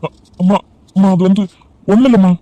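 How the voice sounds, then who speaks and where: A man's voice: high voice, steady tone, brisk, warm tone, no echo, natural voice. A man voicing a meek young son in an amateur cartoon, speaking in a hesitant, pleading way.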